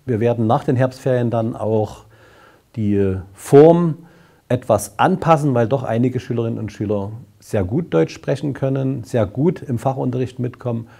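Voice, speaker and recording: Older man, school principal, dark mellow tone, slightly husky, formal address, classroom, lapel mic. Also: medium pitch, moderate pace. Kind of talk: welcoming, explanatory address to camera.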